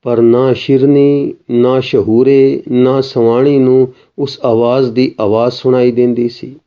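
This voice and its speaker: A male narrator reads literary spiritual prose slowly and solemnly, at a middle pitch. The recording sounds dull and lo-fi. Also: level tone, clear, resonant tone.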